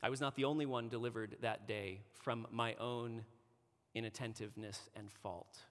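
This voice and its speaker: A man's voice: medium pitch, fairly even intonation, normal speed, a bit bright. A man preaching a sermon, weaving a personal story into his teaching with earnest conviction. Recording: long hall reverb.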